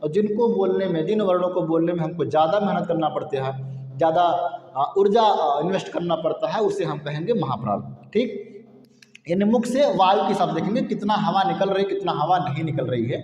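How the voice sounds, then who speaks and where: A man teaches a grammar lesson in a high, light voice, repeating each point and posing questions he answers himself. He sounds out syllables slowly to show their difference. His voice rings around an echoey room with a long reverb tail. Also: a little mellow. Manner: repetitive, explanatory, asks and answers own questions; demonstrates sounds aloud. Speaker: Hindi teacher. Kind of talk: classroom-style grammar lesson.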